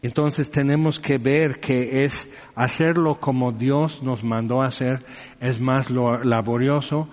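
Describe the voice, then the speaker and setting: A man preaches in a loose, conversational way, often stopping to act out quoted voices. His pitch sits at an ordinary middle level. The recording is muffled, and a long hall reverb trails behind his words. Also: steady tone, measured pace, a little mellow. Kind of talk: sermon.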